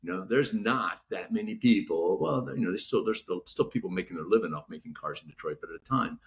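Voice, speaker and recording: A man from California, an author being interviewed in casual podcast talk, speaking haltingly with lots of "you know" fillers and restarts. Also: sits low, animated. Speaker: author guest.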